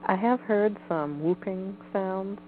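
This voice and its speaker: A woman guest on a phone interview, speaking in a measured, hedging way with frequent ums. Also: mid-range voice. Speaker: guest, Bigfoot researcher. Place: home in the woods. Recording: tinny phone line with faint hiss.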